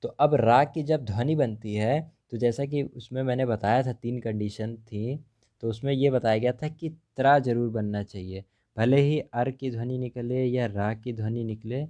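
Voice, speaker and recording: A man's voice: medium pitch, moderate pace, mellow. A male teacher explaining grammar examples step by step, repeatedly asking what a word becomes before answering it himself. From India.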